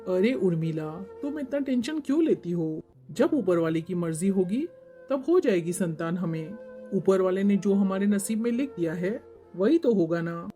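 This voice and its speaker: A woman voicing a gentle family member in a Hindi cartoon, soothing and giving advice. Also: medium pitch, lightly acted. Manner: soothing, advising.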